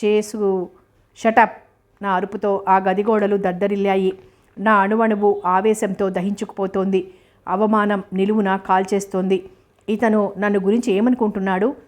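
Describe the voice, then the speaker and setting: Woman reading a novel, flat and even. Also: medium pitch, moderate pace. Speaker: audiobook narrator. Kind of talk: first-person novel narration.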